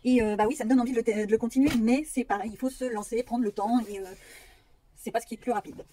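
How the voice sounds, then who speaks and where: A woman's voice: a little high, fairly even intonation, fast talker, warm tone, slight background noise. A woman vlogger chatting casually about her coloring books, self-mocking and rambling with fillers.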